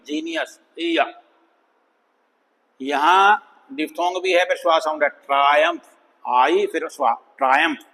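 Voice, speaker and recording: A man teaching an English phonics lesson, sounding out words slowly and repeating them for students. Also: on the high side, a bit bright, husky, long reverb tail, low-quality recording. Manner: slow, drawn-out demonstration of words, calls students "bhai".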